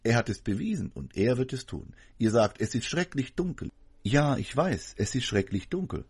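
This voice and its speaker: Husky-voiced man preaching earnestly. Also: medium pitch, sing-song, normal speed, darkish tone. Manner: earnest, emphatic preaching address to a congregation. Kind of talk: translated sermon voice-over.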